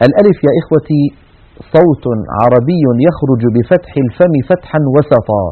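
Male recitation teacher, brisk lesson delivery, demonstrates sounds aloud, tinny lo-fi audio. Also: on the high side, animated. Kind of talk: explanatory religious lesson. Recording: narrow phone-like audio.

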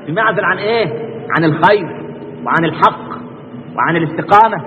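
Egyptian male preacher, rapid, high voice, lively rhetorical questioning, lo-fi reverberant hall. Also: slight background noise. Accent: Egyptian Arabic. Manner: rhetorical questions answered himself. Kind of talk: colloquial religious lesson.

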